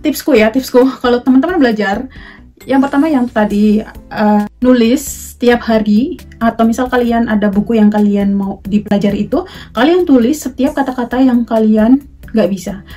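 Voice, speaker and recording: A young woman from Indonesia chatting casually to her viewers as a vlogger, mixing in English words and pausing often on fillers. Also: fairly high pitch, mellow, faint music behind. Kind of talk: casual talk to camera.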